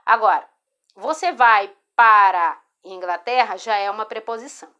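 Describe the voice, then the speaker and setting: A woman's voice: mid-range voice, sharp tone, clear, resonant tone. A Brazilian woman teaching a spelling lesson, explaining patiently and checking in with her students as she goes. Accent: Brazilian Portuguese. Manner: slow, patient, repeats words and checks in with "tá?". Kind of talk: explaining a spelling lesson over a screen recording. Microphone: phone or screen recorder mic.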